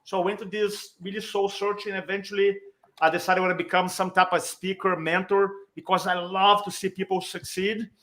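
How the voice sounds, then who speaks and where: A native Portuguese-speaking man with a Brazilian accent tells personal stories conversationally as a guest speaker and coach, speaking in short phrases and acting out bits of dialogue. His voice is fairly high-pitched, a bit bright and level in tone, and a little fast.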